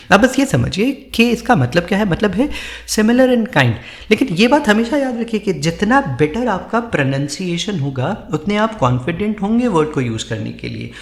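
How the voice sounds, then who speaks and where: A man teaching English vocabulary in a casual lesson, talking in Hindi mixed with English, reading the English example sentences slowly and often checking in with his listeners. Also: a little high, reverberant. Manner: frequent "ठीक है" check-ins, encouraging.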